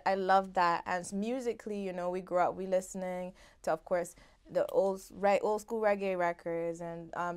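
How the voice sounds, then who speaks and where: A young woman from Barbados with a Barbadian accent, talking in a casual interview. Her voice is smooth and resonant and sits on the low side. She speaks expressively and lifts her voice when she gets excited. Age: young adult. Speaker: guest singer.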